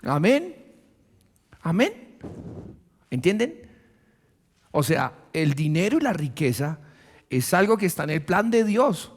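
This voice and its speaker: A Colombian man preaching a sermon as pastor, animated and joking, often laughing, in a church. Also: sits high, slow, pauses often, slight background noise. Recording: long reverb of a church hall.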